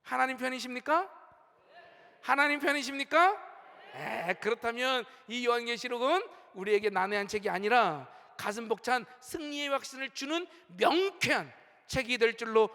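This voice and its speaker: This senior pastor, a middle-aged man, has an extremely high, slightly bright voice. Preaching with strong emphasis in a large church sanctuary, his voice rises and falls as he leads call-and-response, with long hall reverb around him.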